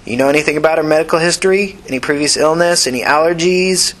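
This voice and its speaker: A man's voice: a little high, quick pace, a bit bright, pitched above the performer's own voice, lightly acted. Man doing a tired, curt nurse woman. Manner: curt, businesslike. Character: tired, brusque middle-aged woman nurse.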